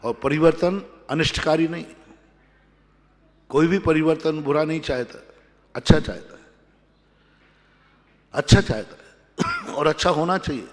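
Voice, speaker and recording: A man giving a sermon as a Jain monk, emphatic and repeating his phrases with measured pauses. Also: on the high side. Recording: long hall reverb.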